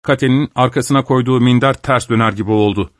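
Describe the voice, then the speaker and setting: A man narrating a literary audiobook in a measured, even storytelling manner. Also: mid-range voice, no room sound, studio quality.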